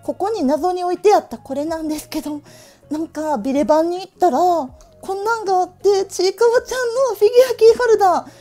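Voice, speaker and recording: A woman's voice: very high voice, fast talker, dark tone, soft background music. A woman in her late thirties with a Tokushima Awa-dialect accent, chatting cheerfully to camera in a stationery vlog and laughing often. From Tokushima, Japan. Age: late 30s. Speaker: stationery vlogger. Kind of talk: casual chat to camera.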